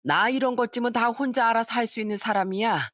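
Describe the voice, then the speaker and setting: A woman doing a brisk older mother. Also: a little high, fairly bright tone, no echo, studio quality, voice pushed up, lightly acted. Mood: dismissive.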